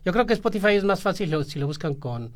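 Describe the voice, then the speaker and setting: A man's voice: high voice, lively intonation, fast talker. A man, a musician guest on a radio show, explaining at length with many fillers. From Peru, raised in Mexico. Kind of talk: radio interview.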